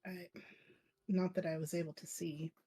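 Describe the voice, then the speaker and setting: A woman playing a tabletop game, speaking in a hesitant, halting way. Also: fairly low pitch, flat delivery, warm tone, slightly rough. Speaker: player. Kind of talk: casual tabletop game chat.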